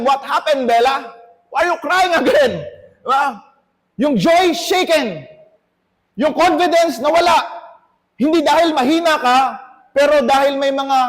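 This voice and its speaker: High-voiced Filipino man preaching in a hall. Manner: preaching to a congregation, switching between Tagalog and English. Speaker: pastor. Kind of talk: sermon. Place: church hall. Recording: long hall reverb.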